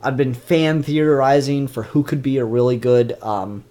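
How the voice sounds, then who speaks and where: A man hosting a casual live-stream comic review, chatty and animated, with a stuffed-up nose. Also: mid-range voice, moderate pace. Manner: chatty and animated, mock-grumpy asides. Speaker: comic book reviewer and YouTuber.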